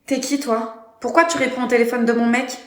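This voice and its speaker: A woman voicing a nervous young bride who frets loudly about her wedding. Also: fairly high pitch, level tone, fairly quick, reverberant, pitched above the performer's own voice, natural voice. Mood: fretful.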